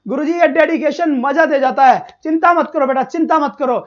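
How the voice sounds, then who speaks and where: High-voiced showy male teacher, lo-fi audio. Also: brisk. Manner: energetic, showy, keeps calling students "beta" and praising them. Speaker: exam-prep teacher. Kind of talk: live online class quizzing students.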